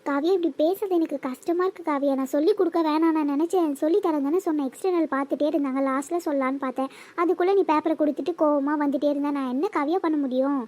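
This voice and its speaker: A woman's voice: high voice, very fast, darkish tone, close to an everyday voice. A woman voicing an anxious schoolgirl in a cartoon who pleads and defends herself. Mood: pleading. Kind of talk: cartoon voice acting.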